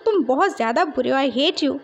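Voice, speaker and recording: A woman's voice: sits high, expressive, normal speed, lo-fi sound, a little hiss or hum. A woman voicing a childish, chatty young man who rambles and complains tearfully in a fan fiction story. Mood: whining.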